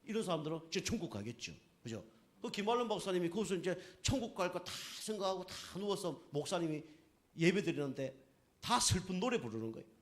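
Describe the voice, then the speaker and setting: A middle-aged man preaching a sermon as pastor, keeps checking in with the congregation with quick questions. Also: high-pitched. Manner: lively preaching, constantly asking the congregation "right?".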